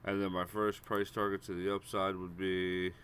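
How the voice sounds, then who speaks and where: A man with a low voice and a stuffy head cold calls out stock levels during a live premarket chart walkthrough on his trading stream. His congested, nasal delivery is flat and normal in speed, slightly bright, casual and repetitive, and he keeps saying "guys" to viewers. A little hiss or hum sits in the recording.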